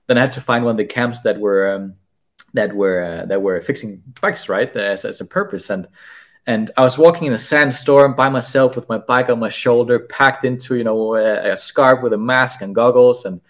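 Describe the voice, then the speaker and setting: A man's voice: medium pitch, normal speed. A man speaking as a podcast guest, telling a story casually, often stumbling and repeating words as he goes.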